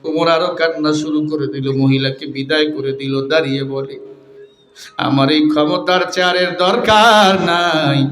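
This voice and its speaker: High-voiced preacher chanting a sermon. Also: male voice, roomy sound. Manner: dramatic, shifts between shouted calls and low storytelling; fundraising appeal to the crowd. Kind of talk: Bangla waz sermon with sung chanting. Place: outdoor religious gathering near a graveyard.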